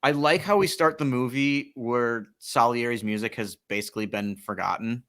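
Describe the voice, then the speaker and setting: A man holds forth in a relaxed movie-review chat, his voice at an ordinary middle pitch. He wanders through his points, padding them with "like" and "um" as he goes. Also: moderate pace. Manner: rambling, many likes and ums. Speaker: podcast co-host. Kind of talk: casual film discussion.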